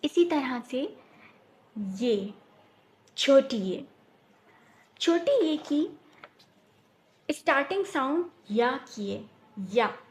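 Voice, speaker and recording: A woman teaching a children's phonics lesson, speaking clearly and repeating each word so learners can follow. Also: high-pitched.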